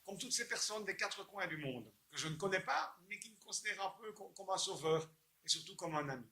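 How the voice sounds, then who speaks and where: A man's voice: high-pitched, expressive, a little fast, sharp tone. A man presenting a product with enthusiasm, stumbling and restarting his phrases. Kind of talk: promotional presentation.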